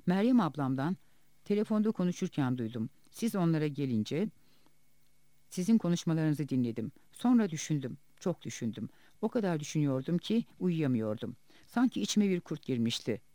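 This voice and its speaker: A man reading the part of a bitter, wounded woman house cleaner in an audiobook, in a quiet, subdued way. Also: a little high, very animated, moderate pace, dry recording. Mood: haunted.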